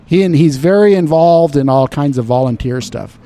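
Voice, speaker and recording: Mellow-voiced man telling a rambling story. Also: a little high, animated, moderate pace. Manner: rambling storyteller, trails off softly. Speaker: studio guest. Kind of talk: casual chat. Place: indoor shop space.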